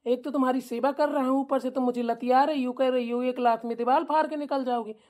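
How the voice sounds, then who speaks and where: A woman voicing a meek, put-upon young husband who grumbles and tries to calm things down in a cartoon comedy. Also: sits high, fast talker, lightly acted. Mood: grumbling. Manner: complaining, placating. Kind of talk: cartoon voice acting.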